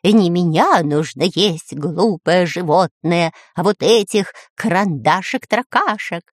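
A woman's voice: lowish voice, lively intonation, a little slow, dry recording, clean studio sound. A woman voicing a scheming male parrot villain in a storybook reading, shrieking and taunting. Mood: scolding.

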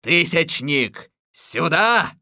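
A man voicing a gleeful, domineering immortal sorcerer who barks loud, imperious commands in a storybook reading. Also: medium pitch, lively intonation, takes it slowly, dry recording, studio quality, voice pushed up, heavily acted. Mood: commanding.

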